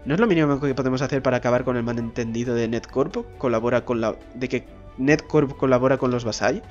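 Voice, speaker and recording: A man's voice: mid-range voice, quick pace, lo-fi sound, faint music behind. A man reads game dialogue aloud in a gameplay video. Between the lines he makes casual asides and swears mildly when frustrated. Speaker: gameplay commentator.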